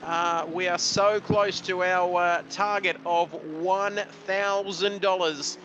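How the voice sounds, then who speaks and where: A man giving live sim racing commentary in an excitable, emotional, fast-flowing play-by-play. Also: sits high, highs cut off, a little hiss or hum. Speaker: race commentator.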